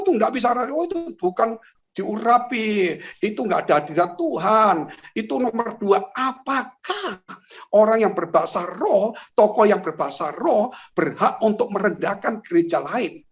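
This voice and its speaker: Animated preaching man, very lively pitch. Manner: animated, rhetorical questions, addresses listeners as brothers and sisters; storytelling with vivid acted-out exclamations. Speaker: pastor. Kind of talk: church talk-show teaching.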